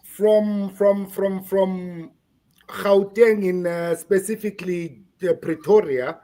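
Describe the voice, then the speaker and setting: A man from South Africa talks through his story at an unhurried pace. His voice sits a little high for a man, and he often repeats a word while he searches for the next one. He is a podcast guest answering questions. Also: fairly even intonation, mellow. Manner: slow, hesitant, repeats words while searching for them. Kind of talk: podcast interview.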